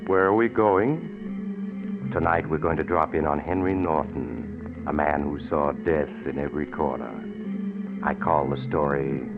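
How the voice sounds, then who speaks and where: A creepy wry train traveler telling macabre stories, real low voice, tinny noisy old radio. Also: male voice, exaggerated voice. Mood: inviting, ominous. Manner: wry, ominous, drawn-out phrasing. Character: sinister, genial male train traveler telling macabre tales. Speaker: storyteller host. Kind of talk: 1940s radio horror narration.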